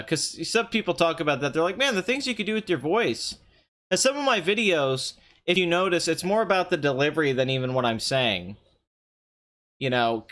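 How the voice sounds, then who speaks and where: A young man chats casually on his live stream, reading chat aloud and answering viewers' comments in a rambling way, often clearing his throat. His voice is somewhat high, nasal and a bit bright, but strained and hoarse.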